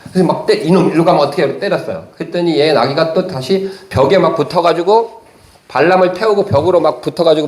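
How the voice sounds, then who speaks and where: A man's voice: medium pitch, darkish tone, echoey room. A man preaching a sermon as a pastor, retelling a story and acting out the characters' lines. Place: church.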